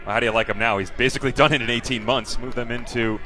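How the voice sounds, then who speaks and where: A man's voice: mid-range voice, fairly even intonation, very fast. A man working as a color analyst, giving conversational live soccer commentary. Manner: conversational, with rhetorical questions.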